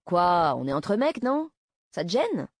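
A woman's voice: big pitch swings, a little slow, no room sound, studio quality, heavily acted. A woman voicing a cocky, crude teenage boy in an audiobook reading, brash and vulgar. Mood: taunting. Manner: brash and vulgar, later shrill pleading.

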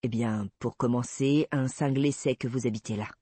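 A gruff male police investigator, as the narrator puts him on, firm and protective, his voice pitched low. Slightly husky and very dry, read close for a storybook. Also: steady tone, moderate pace, dark tone, no echo, close to an everyday voice.

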